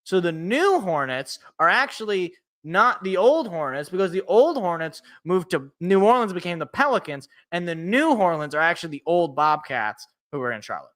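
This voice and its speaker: A man's voice: sits high, very animated, normal speed, fairly bright tone. A man in his twenties, co-hosting a live football reaction stream, calling plays and joking with viewers in a self-deprecating way. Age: 20s. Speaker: sports podcast co-host. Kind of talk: live game reaction and play-by-play.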